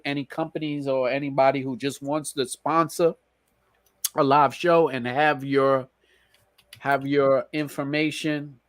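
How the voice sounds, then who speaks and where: A tired man with a New York accent hosting a casual live stream, laid-back and slangy, reading chat and giving shout-outs. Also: medium pitch, no room sound, clean studio sound.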